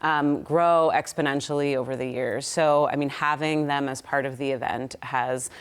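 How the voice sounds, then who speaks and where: A woman who organizes events for an arts center, speaking in a measured, appreciative way with some fillers. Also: a bass voice, fairly even intonation, clean tone. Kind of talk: TV interview guest.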